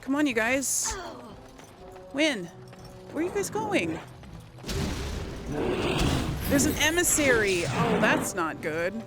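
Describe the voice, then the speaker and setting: Over video game music, a woman hosts a let's play, keeping up a chatty live commentary aimed at herself and at the characters. She has a high, very animated voice and speaks at a measured pace.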